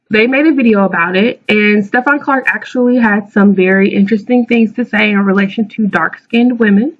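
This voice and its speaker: Woman vlogger in dull lo-fi sound. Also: mid-range voice. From Jamaica. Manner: informal, digressive, self-correcting. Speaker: video blogger. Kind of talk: casual opinion vlog.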